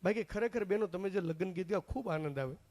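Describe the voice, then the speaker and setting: A man's voice: high-pitched, quick pace, a little mellow. A man doing live stage comedy, chatting straight to the crowd. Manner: chatty, addresses the crowd directly. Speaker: stand-up comedian and mimic.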